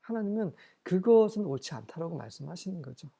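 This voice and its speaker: An English Bible teacher giving a study lecture, reading verses slowly and then explaining them, often asking questions and answering them. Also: medium pitch, animated, gravelly, dark tone, breathy edge.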